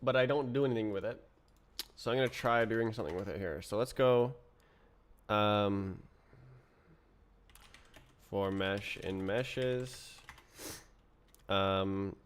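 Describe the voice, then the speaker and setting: A man's voice: on the low side, takes it slowly, pauses often, smooth. A man with a sick-sounding voice thinking aloud as he writes code on a stream, muttering half-finished thoughts to himself. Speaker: programmer streaming his coding. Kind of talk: thinking aloud while live coding.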